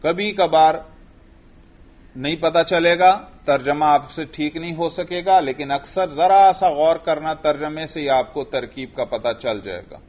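A man teaching Arabic grammar, patiently quizzing a student and repeating each answer back. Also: on the high side. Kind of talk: patient classroom drilling. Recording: lo-fi recording.

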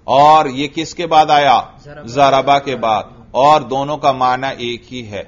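A male teacher leading a classroom grammar drill, asking questions and answering them himself, chanting the parsing in a sing-song. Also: mid-range voice. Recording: dull lo-fi sound.

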